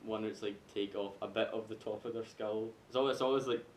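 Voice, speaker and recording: During a group podcast discussion, a male panelist with a Scottish accent talks casually, fast and with fairly even intonation. The room is echoey, with a faint rumbling noise.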